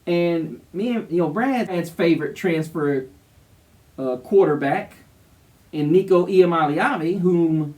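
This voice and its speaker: Guy breaking down football games, kinda high voice, bit far off the mic, real opinionated. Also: darkish tone. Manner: opinionated, emphatic, conversational. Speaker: co-host of a college football show. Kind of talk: casual sports commentary.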